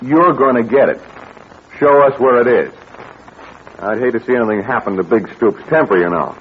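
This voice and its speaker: Through a tinny, lightly noisy old radio show recording comes an actor as a tough American adventurer. He is brisk, commanding and cocky, with wry wisecracks at a middle pitch. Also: animated, lightly acted. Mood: menacing, firm. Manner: brisk, wry, taking charge.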